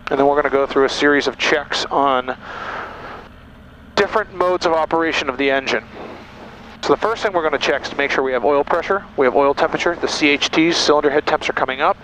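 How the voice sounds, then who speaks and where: A man's voice: a little high, fast talker, a bit bright, rough recording. A man, a pilot, methodically talking through checklists and explaining each step as a flight lesson in a small airplane cockpit. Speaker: pilot instructor. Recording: cockpit audio with clear engine noise.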